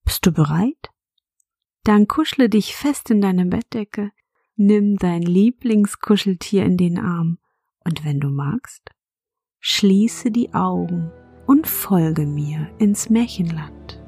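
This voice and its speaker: A woman hosting a fairy-tale podcast, telling a bedtime story in a soft, gentle whisper, speaking to a child. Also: lowish voice, lively intonation, takes it slowly, breathy edge, soft background music.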